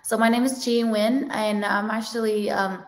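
A woman's voice: medium pitch, little pitch movement, moderate pace. A woman introducing herself on an advice panel, a bit hesitant with fillers. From Hanoi, Vietnam. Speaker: panelist, program manager. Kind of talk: advice panel on a video call. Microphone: webcam video call. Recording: echoey room on a video call.

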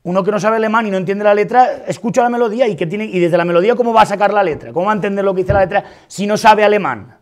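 Emphatic man lecturing, slightly high voice. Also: very fast, few pauses. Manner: emphatic, argumentative, repeats words for stress. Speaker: philosophy of music lecturer. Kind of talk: university lecture. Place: large lecture hall.

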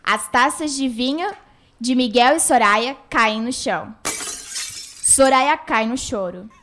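A woman's voice: a little high, slow pace, fairly bright tone, slight background noise. A woman reading scripted narration for a radio soap opera in the manner of an old radio show.

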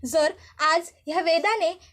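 A woman's voice: very high voice, takes it slowly, fairly bright tone, exaggerated voice. A woman voicing a scheming older mother-in-law who is bossy and falsely sweet. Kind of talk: storytelling voice acting.

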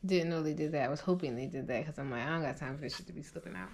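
A woman's voice: low voice, very fast, roomy sound, noisy background. A woman co-hosting a vlog in casual chat, playful and joking.

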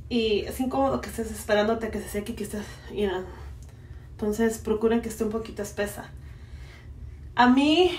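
A woman's voice: a little high, darkish tone. A woman with a Mexican accent chatting playfully to her viewers while putting on a face mask. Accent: Mexican Spanish. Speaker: beauty vlogger. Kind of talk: casual chat while applying a face mask. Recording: echoey room, mic far off, faint noise.

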